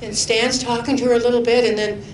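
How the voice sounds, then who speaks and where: A woman's voice: flat delivery, fast. A middle-aged woman, preaching a sermon full of personal testimony in an earnest, chatty way. She laughs often and drops to a near-whisper for emphasis. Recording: roomy hall echo with faint rumble.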